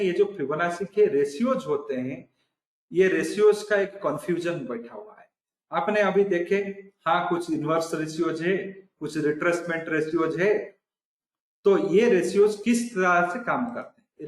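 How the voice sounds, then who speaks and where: A man's voice: fairly high pitch, reverberant, poor audio. A man giving a recorded online trading lesson, explaining step by step and often restating his points. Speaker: trading instructor.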